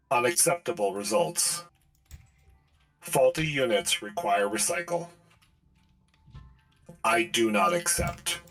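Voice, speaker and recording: A man voicing an ancient machine core as it boots up, speaking in slow, clipped robotic announcements. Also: on the high side, gravelly, a bit bright, exaggerated voice, rough recording. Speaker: game master.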